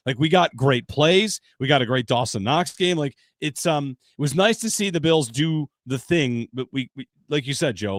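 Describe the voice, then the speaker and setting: A man's voice: mid-range voice, dry recording, studio quality. A man hosting a sports podcast, leading a loose, casual discussion and reeling off game statistics. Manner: stat-heavy, loose and chatty, leads the discussion.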